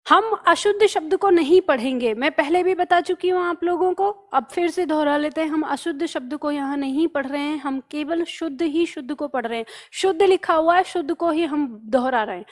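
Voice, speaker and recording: A woman teaching a spelling lesson, patiently drawing words out slowly and checking in often with her students. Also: high-pitched, long reverb tail. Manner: instructive, stretches words out slowly when spelling them. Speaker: Hindi teacher.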